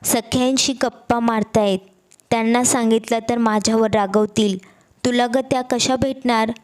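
Woman reading as nervous palace maid, worried and pleading, kinda high voice, story read aloud. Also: steady tone, normal speed, darkish tone, natural voice. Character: anxious young palace maid.

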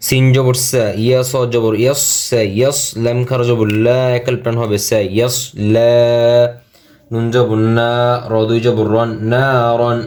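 Male Quran teacher with a Bangladeshi Bengali accent, medium pitch, slow and drawn-out delivery, spelling out each syllable. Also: flat delivery, darkish tone. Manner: slow, drawn-out chanting of verses between quick spoken explanations. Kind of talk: spelling-out Quran recitation lesson.

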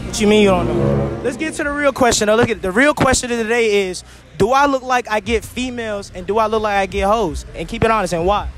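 A man's voice: high-pitched, quick pace, loud music behind the voice. A young man from Queens, hosting a casual outdoor street interview with slangy, hyped banter into a handheld mic. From Queens, New York. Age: young adult. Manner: hype, slangy, repeats filler tags. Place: outdoor festival field. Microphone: handheld mic held close.

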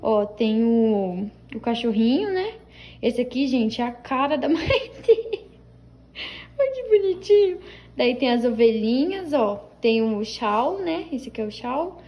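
A young Brazilian woman chatting to her viewers at home, her voice a little on the high side. She talks casually and warmly to the camera, sprinkling in cute little diminutives. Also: lively intonation, a little slow, lo-fi sound. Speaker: vlogger. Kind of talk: casual vlog chat.

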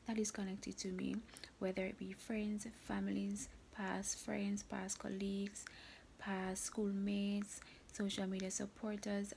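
Woman vlogger, whispered morning vlog, gravelly, flat delivery, faint hiss behind. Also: mid-range voice. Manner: soft whispering, unhurried.

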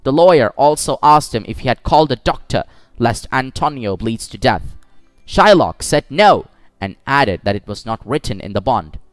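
A man narrating a classic story for schoolchildren in an expressive manner, with occasional slips. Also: medium pitch, moderate pace, no echo.

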